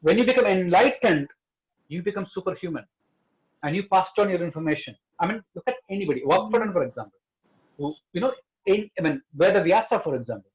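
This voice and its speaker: A man's voice: high-pitched, lively intonation, fast. Emphatic man on a lo-fi line. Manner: earnest, emphatic, repeats key words. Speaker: panelist. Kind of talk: panel discussion.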